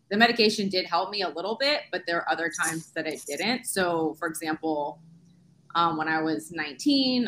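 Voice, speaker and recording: A woman in her thirties talks openly as an interview guest, in a lowish voice with a bright, forceful edge. She is chatty and earnest and leans on "like" through nearly every sentence. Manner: chatty, uses "like" constantly, earnest. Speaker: guest, science teacher. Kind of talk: candid interview talk.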